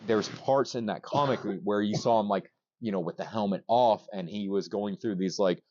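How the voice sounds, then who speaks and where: A man with a fairly low voice co-hosts a casual podcast, rambling with excitement and restarting his sentences often. He swears casually as he talks. The recording is dry and a little dull. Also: moderate pace, no room sound. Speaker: podcast co-host. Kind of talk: casual chat.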